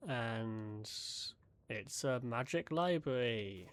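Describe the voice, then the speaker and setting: A man's voice: mid-range voice, expressive, very slow, no echo. Wry man chatting over a game. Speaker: game streamer. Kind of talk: casual let's-play commentary.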